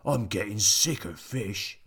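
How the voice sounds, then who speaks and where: Storybook troll, male, gruff and bossy, loud and grumbling, slow and swinging in pitch; a man reads it out. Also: lively intonation, exaggerated voice.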